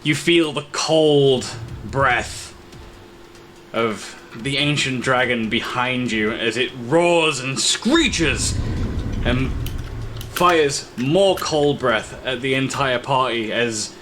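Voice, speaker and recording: A man acting as game master, telling an improvised tabletop adventure in short, halting, descriptive phrases. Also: mid-range voice, a bit bright. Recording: faint background noise.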